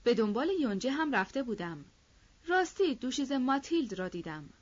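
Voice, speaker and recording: Lady voicing a happy young officer guy, warm brotherly tone, pitched up, slightly dull audio. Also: very animated. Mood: cheerful. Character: young male cavalry officer, cheerful, friendly. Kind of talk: audiobook character voice.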